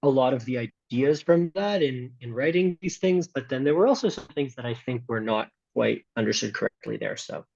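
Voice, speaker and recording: An American man gives a mathematics seminar talk in a gravelly, slightly husky voice. He hedges and restarts often, working through ideas aloud. The recording sounds dull and lo-fi. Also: mid-range voice, lively intonation, fairly quick, few pauses, a little mellow. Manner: hesitant, many fillers and restarts. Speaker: seminar speaker. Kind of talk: academic math lecture.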